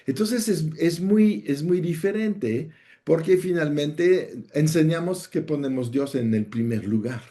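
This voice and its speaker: A man explaining a church teaching in a deliberate, conversational way, often ending his points with "¿no?". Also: on the high side, warm tone. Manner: slow, deliberate, with "¿no?" tags.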